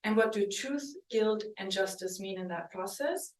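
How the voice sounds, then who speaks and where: A historian from West Germany gives an academic book talk as a lecture with slides, her mid-range voice thoughtful and hesitant with pauses, restarts and ums. The recording is roomy, with the mic at a distance.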